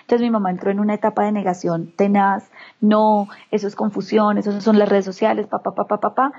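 A woman's voice: medium pitch, fairly quick, lo-fi sound. A woman from the Antioquia region of Colombia with a paisa accent, telling a personal family story as an interview guest and acting out what her relatives said. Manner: animated, acts out quoted relatives.

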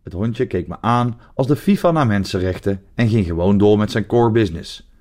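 A man's voice: fairly low pitch, lively intonation, normal speed, darkish tone. Dutch man in his forties, dry wit. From Netherlands. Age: 40s. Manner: dry, ironic delivery. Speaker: columnist. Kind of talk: humorous scripted column read aloud.

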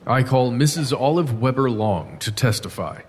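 An actor playing a methodical 1920s attorney questioning a witness. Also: male voice, mid-range voice, lively intonation, normal speed, darkish tone, big-room sound, slight background noise, lightly acted. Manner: formal questioning.

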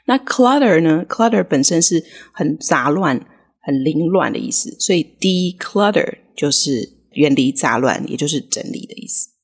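Woman, Taiwanese Mandarin, low pitch, slightly husky, podcast co-host, patient English lesson. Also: lively intonation. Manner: explains words slowly and clearly. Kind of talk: casual language lesson.

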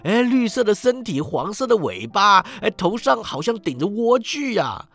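A man voicing an old male miser who cries out in excitement with drawn-out exclamations, in a told story. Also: medium pitch, soft background music. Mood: giddy excited. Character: old miser man, giddy with childhood memories. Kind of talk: storytelling narration.

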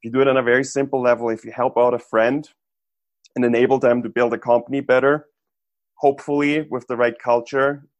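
A man's voice: mid-range voice, little pitch movement, brisk, no echo. Thoughtful man from Austria, dry sound. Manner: thoughtful, frequent restarts and "like" fillers. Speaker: interview guest, entrepreneur. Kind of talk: casual interview talk.

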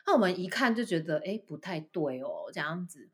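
Taiwanese woman telling a story. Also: fairly quick. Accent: Taiwanese Mandarin. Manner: animated storytelling, acting out a parent in a high voice. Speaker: podcast co-host, teacher. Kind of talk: casual chat, storytelling.

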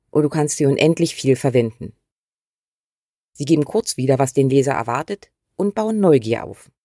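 A woman's voice: sits low, mellow, no room sound, studio quality. A woman hosting a scripted writing tutorial, talking straight to the viewer in a direct, instructive way. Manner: direct and instructive, uses imperatives. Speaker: writing coach and channel host.

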